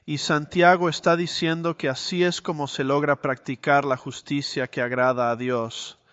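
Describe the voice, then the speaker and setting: A male preacher works through scripture in an expository sermon, reading verses aloud and explaining them. His voice is smooth and slightly high, held in a flat, even delivery. The recording is dry and a little dull. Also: normal speed, dry recording.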